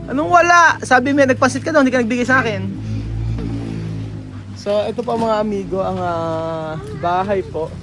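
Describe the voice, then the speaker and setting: A man's voice: sits high, music in the background. Playful Filipino man coaxing outdoors. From Philippines. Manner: playful, coaxing, many halting restarts. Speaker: vlogger. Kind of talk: casual vlog chat.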